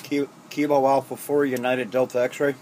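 A man's voice: medium pitch, level tone, normal speed. A man talking casually as an amateur radio operator, hesitant and repeating phrases for clarity, recorded indoors in his radio room. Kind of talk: casual ham radio contact. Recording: faint room noise, amateur camera audio.

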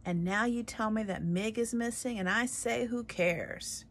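A brusque castle servant woman speaks loudly and bluntly in a slightly raised voice, as a woman reading a storybook acts her out. There is a faint gravel to her tone. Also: fairly high pitch, a little slow, pitched above the performer's own voice. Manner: blunt, emphatic. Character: tall brusque woman with a ring of keys.

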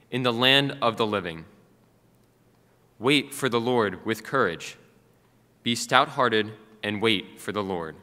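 A young man recites a psalm as lector, in a careful, measured way, through a podium microphone. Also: fairly low pitch, pushed and bright. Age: young adult. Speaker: student lector leading responsorial psalm. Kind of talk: liturgical psalm reading. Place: stage of a school auditorium. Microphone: podium gooseneck microphone. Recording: long reverb of a large hall.

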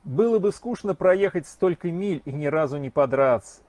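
A man voicing a haughty, contemptuous noble knight who speaks loudly and scornfully. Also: fairly high pitch, animated, moderate pace, no room sound, pitched above the performer's own voice, lightly acted. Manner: loud, scornful, cutting.

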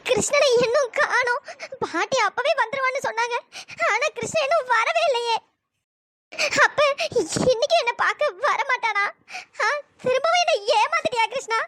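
A heartbroken young woman sobbing over a lost love, voiced by a performer. The cartoon voice is shrill and very high, and she keeps pleading in tears. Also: fairly quick, bright, forceful tone, a little hiss or hum. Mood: despairing. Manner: sobbing, desperate lament. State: crying.

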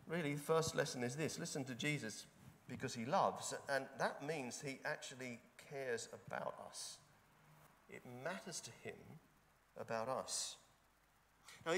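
Man, pastor, conversational sermon, rhetorical questions, church hall reverb. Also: fairly high pitch. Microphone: fixed microphone.

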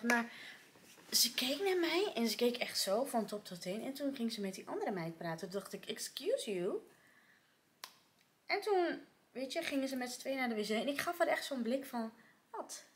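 A woman's voice: a little high, a bit bright, a little hiss or hum. A young woman chatting casually in a vlog from her office, telling a story with lots of fillers and sometimes dropping to a whisper. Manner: chatty, many fillers, drops to whispers at times. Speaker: vlogger.

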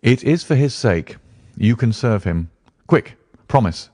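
A man voicing a sharp, commanding male detective who speaks briskly and insistently. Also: mid-range voice, animated, no room sound, clean studio sound.

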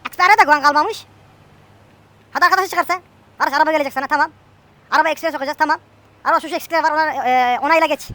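A woman's voice: high voice, very fast, pauses often, fairly bright tone. A woman chatting casually and joking with a friend while playing a farming game. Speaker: gameplay streamer.

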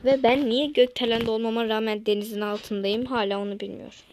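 A woman's voice: fairly high pitch, steady tone, brisk, darkish tone, a little hiss or hum. A woman playing a put-upon office worker in a comedy sketch, complaining in a whiny, dramatic way. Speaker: vlogger acting out an office skit.

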